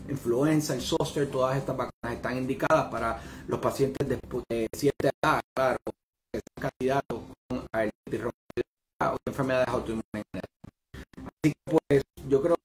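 A man's voice: mid-range voice, a little hiss or hum. A middle-aged man, a rheumatologist giving an educational talk to patients, hesitant with many fillers.

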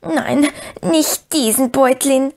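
A woman's voice: high voice, slow, a little mellow, voice pushed up. A woman reading aloud and voicing the meek side of a wretched male creature, whining and wheedling as he pleads with himself. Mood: pleading. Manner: whining, wheedling, lisping self-talk.

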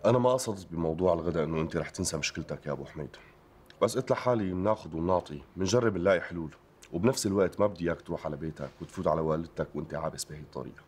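This is a calm army captain, played by a man with a Syrian accent who reassures and persuades. He speaks very fast in a low voice. A faint hiss sits under him. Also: close to an everyday voice. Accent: Syrian Arabic.

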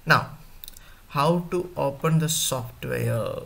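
A man's voice: medium pitch, creaky, fairly bright tone, slight background noise. A male teacher giving an online class, talking to his students directly and repeating points often. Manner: slow, repetitive, addresses students directly.

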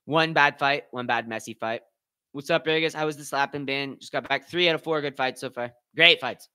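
A man's voice: medium pitch, a little fast, bright, forceful tone, smooth. A man hosting a live watch-party stream, commenting casually in loose slang and reading out and answering his chat.

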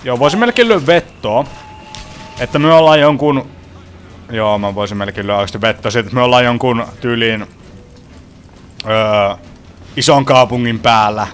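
A man's voice: mid-range voice, pauses often. Swearing young man commenting on gameplay. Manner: swearing, frustrated, chatty. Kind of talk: casual let's play commentary.

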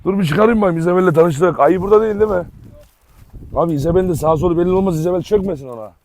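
A man with a fairly high voice talks casually to viewers and a friend outdoors. He often breaks off to shout firm commands at his dogs. The talk is loose and chatty. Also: rapid-fire, slight background noise. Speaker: dog owner and channel host. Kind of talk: casual vlog chat.

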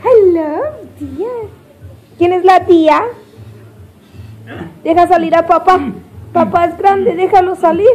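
Very high-voiced woman coaxing a pet. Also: steady tone, slow, pauses often, a little mellow, faint music behind. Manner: sing-song coaxing talk to a pet, mixing in English words. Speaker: pet owner. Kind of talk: home video, talking to a pet.

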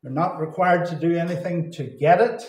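A man from Canada, giving a deliberate Bible teaching address that repeats and stresses key words. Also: a little high, steady tone, a little mellow. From Saskatchewan, Canada. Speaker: Bible conference speaker. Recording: echoey hall.

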